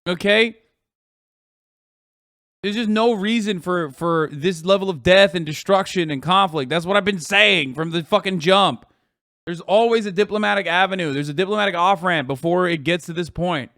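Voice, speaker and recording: A man's voice: sits high, normal speed, fairly bright tone, dry recording, clean studio sound. A man reacting to a video on a livestream, talking heatedly with lots of swearing and rhetorical questions. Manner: heated, profane, emphatic with repeated rhetorical questions. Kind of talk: casual livestream commentary.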